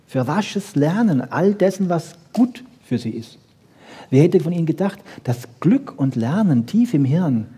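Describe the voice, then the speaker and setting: A lecturer on brain research gives a popular science talk in a husky, mellow, medium-pitched voice. He uses wry humour, rhetorical questions and short checking tags.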